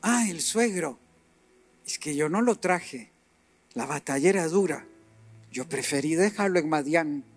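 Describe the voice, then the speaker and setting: A middle-aged man preaching a sermon, animated and rising to emphatic peaks as he acts out little scenes. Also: on the high side, moderate pace, faint music behind.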